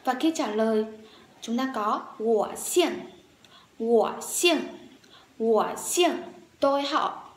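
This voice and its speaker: A woman teaching a language lesson, saying words slowly and repeating them several times for learners to copy. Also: fairly high pitch, expressive, reverberant. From Vietnam.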